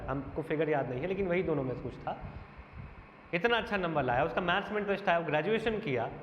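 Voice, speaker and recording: A man with a fairly high voice lays out his case as a teacher, earnest and aggrieved, one point after another. The sound is roomy, with a long reverb tail, muffled in tone, and a faint hiss runs underneath. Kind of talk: defending himself in a monologue. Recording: echoey dull room sound, faint noise.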